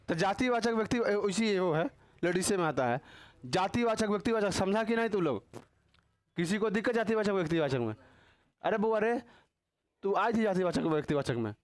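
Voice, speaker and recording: A man's voice: high voice, dry recording. A man teaching a casual grammar class, teasing and quizzing his students with constant tag questions.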